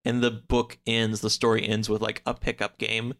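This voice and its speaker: A podcast guest with a fairly low, gravelly, fairly bright voice, he speaks at a moderate pace with a completely flat delivery. He chats casually, recounting a story in a loose, rambling, pieced-together way peppered with "like."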